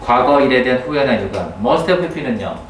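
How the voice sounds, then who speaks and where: A male teacher giving a grammar lecture to a class, often checking in with quick questions. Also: mid-range voice, sing-song, background noise. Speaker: English teacher. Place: classroom with students. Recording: roomy classroom, mic at a distance.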